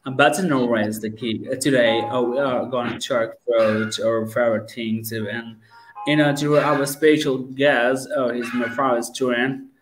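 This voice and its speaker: A young man hosting a live English practice interview over a video call from a room at home, speaking haltingly with many fillers and repeatedly asking viewers to share. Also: medium pitch, fairly even intonation, noisy background. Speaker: host and teacher. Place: home room with starry painted wall. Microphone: webcam on video call.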